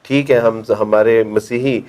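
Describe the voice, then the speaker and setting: A man speaking as an interview guest, reflective and measured, often stopping to search for his words. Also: lowish voice, fairly even intonation, darkish tone. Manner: measured, halting, with many pauses and fillers. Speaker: guest, convert.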